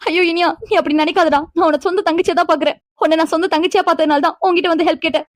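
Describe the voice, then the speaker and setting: An emotional young older-sister figure in a cartoon speaks earnestly. Her voice is high and quick, and the recording is dry. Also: fairly even intonation, no room sound. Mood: tearful. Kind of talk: animated cartoon dialogue.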